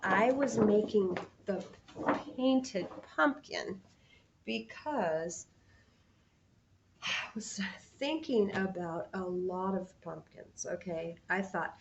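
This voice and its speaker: A woman leading a preschool class, her slow singsong voice ranging from bright, high calls to soft whispers. She talks playfully while crafting, and a light hiss sits behind her. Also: lo-fi sound. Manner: animated and playful, with whispered and sung parts. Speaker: preschool teacher. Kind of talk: singing and talking to young children.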